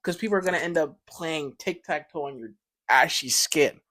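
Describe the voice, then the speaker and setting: A man's voice: fairly high pitch, normal speed, pushed and bright. A young man co-hosting a casual podcast chat, joking and laughing often. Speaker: podcast co-host.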